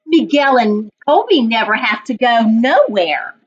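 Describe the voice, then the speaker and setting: A woman's voice: on the high side, animated, unhurried, breathy edge. A woman voicing a small, curious storybook boy who questions and complains wistfully. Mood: wistful complaint. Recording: dull lo-fi online recording.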